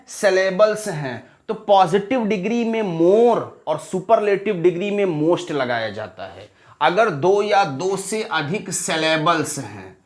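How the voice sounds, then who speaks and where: Slow-spelling male teacher. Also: sits high. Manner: spells words letter by letter, slow and deliberate; asks "confirm?" to check understanding. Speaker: English teacher. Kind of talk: classroom grammar lesson.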